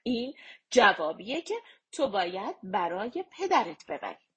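A woman's voice: medium pitch, big pitch swings, husky. A woman reading the part of a king who lectures a young prince firmly and refuses his request. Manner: lecturing, firm. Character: stern older king, firm and dismissive.

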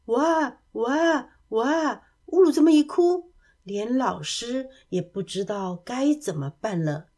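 A woman reads a children's story aloud in a soft, gentle manner. Her voice sits a little high and rises and falls with a very lively, expressive melody. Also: unhurried.

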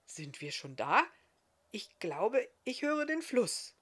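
A woman voicing a kind young male beard giant in a read-aloud fairy tale, tender and hushed. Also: on the high side, big pitch swings, slow pace, slightly rough, pitched above the performer's own voice, exaggerated voice. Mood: puzzled. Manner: soft, tender, often hushed.

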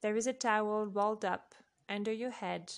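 A woman narrating a guided sleep meditation in a soft, unhurried way, with long pauses between phrases. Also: medium pitch.

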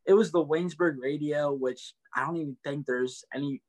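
A man's voice: a little high, moderate pace, a little mellow. A young man, a college student, chatting as an interview guest, filling his talk with "like". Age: young adult. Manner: chatty, filler-heavy with "like". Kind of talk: casual interview chat.

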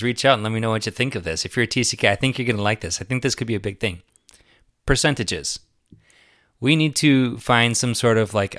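A man's voice: medium pitch, a bit bright, dry recording, clean studio sound. A man hosting a podcast, chatting casually with a guest in a rambling, enthusiastic way and laughing often. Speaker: podcast host. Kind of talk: casual conversational interview.

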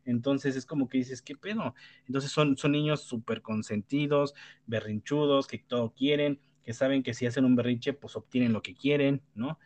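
A man's voice: medium pitch, fairly even intonation, normal speed, darkish tone, no room sound. A man with a Mexican accent giving opinions in a casual debate, rambling and blunt, swearing freely and tagging his points with questions. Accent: Mexican Spanish. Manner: rambling, many restarts and tag questions. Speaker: panelist.

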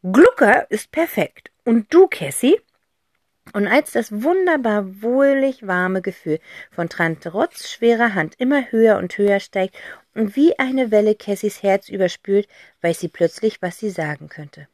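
A woman narrating a children's audiobook with an expressive, animated reading. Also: mid-range voice, unhurried, no echo, clean studio sound. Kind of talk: scripted storybook narration.

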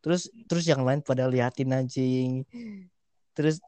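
A man's voice: mid-range voice, steady tone, a little slow, dark tone, a little hiss or hum. A young man, telling a school story in casual chat. He laughs through it and swears casually.

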